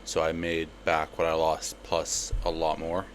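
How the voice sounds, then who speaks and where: A young man with a slight lisp walking through a trade in a casual, relaxed way, with lots of fillers. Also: extremely low pitch, unhurried, slight background noise. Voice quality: slight lisp from a palate expander. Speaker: trading educator. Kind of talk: screen-recorded trade breakdown.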